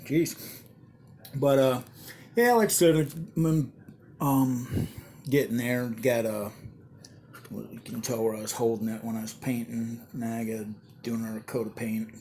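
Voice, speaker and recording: A tired, yawning man talks casually through a hobby build update, wandering through fillers and restarts. His voice is mellow and mid-pitched. Faint noise sits under the recording. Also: fairly even intonation, moderate pace. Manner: rambling, many fillers and restarts.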